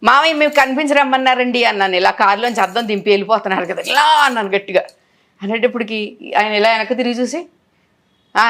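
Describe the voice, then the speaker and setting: A woman in her sixties, an actress telling emotional stories of her film career in an interview, acting out what others said to her. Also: medium pitch. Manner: animated, acts out others' words in quotes.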